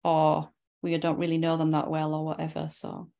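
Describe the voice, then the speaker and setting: Woman teacher leading a satsang, gravelly and lower-pitched, reflective and gently probing. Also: completely flat delivery, normal speed. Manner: reflective, gently probing, ends points with tag questions. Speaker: spiritual teacher. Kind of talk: satsang dialogue with a student.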